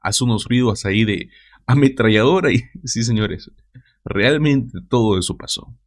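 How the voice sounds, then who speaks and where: A man's voice: medium pitch, moderate pace. A man hosting a news commentary show, talking straight to his viewers with mocking asides.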